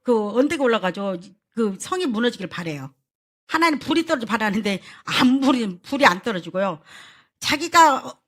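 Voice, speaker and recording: A woman pastor preaching a sermon, telling stories in an animated way and addressing the congregation directly. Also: fairly high pitch.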